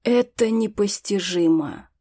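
A woman voicing a composed, curious male mage with measured, formal speech in an audiobook. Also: medium pitch, mellow, breathy edge, no echo, clean studio sound.

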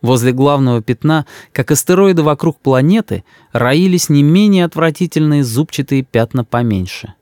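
Man, audiobook reader, expressive storytelling, lively and higher pitch, dry close sound. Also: moderate pace, few pauses, dry recording. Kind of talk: scripted narration.

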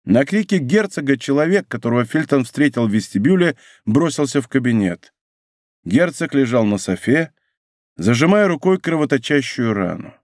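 Expressive male audiobook narrator. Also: medium pitch, moderate pace, no room sound, clean studio sound. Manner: dramatic, expressive reading. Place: recording studio.

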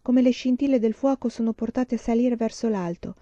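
A woman voicing a gentle, pious blind young woman who speaks softly and thoughtfully, on a slightly dull recording. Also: fairly high pitch, fairly quick, no echo, voice pushed up, lightly acted.

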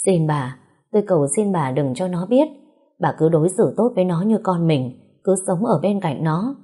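A woman's voice: lowish voice, expressive, moderate pace, mellow, breathy edge. A woman voicing a fearful adoptive mother who implores in a storybook reading. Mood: begging.

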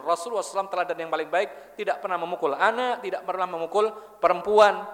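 An Islamic preacher with a fairly high, fairly bright voice gives a religious lecture in a mosque, telling stories and asking the audience questions. The mosque hall adds a long reverb.

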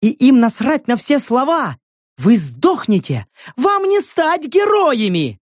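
A woman's voice: sits high, huge pitch swings, takes it slowly, a little mellow, dry recording, clean studio sound, pitched above the performer's own voice, exaggerated voice. A woman reading an audiobook, voicing a crazed old woman who wails and shrieks in a hollow, half-mechanical voice. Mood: shrieking doom.

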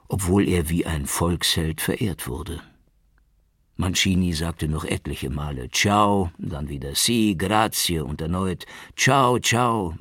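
A man narrating an audiobook in a calm, even storytelling manner. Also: a bass voice, gravelly, slightly rough, no room sound, studio quality. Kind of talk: scripted narration.

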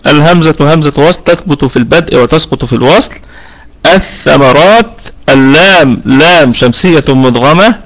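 A man's voice: on the high side, fairly bright tone, poor audio. Egyptian man teaching tajweed. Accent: Egyptian Arabic. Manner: explains patiently, checks with students after each point; slows down to demonstrate recitation of words. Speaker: Quran recitation teacher. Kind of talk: live online tajweed lesson. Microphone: online voice chat room.

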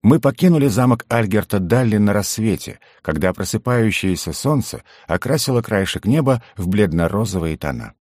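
A man reading an audiobook in calm, even storytelling narration. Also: lowish voice, moderate pace, hardly any pauses, dry recording, studio quality. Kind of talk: scripted narration.

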